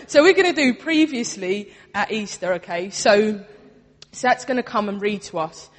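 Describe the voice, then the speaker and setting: A woman's voice: medium pitch, animated, measured pace. A young woman with a Cockney accent giving a chatty, self-mocking Easter talk to a congregation as a youth worker, laughing often. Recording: long hall reverb.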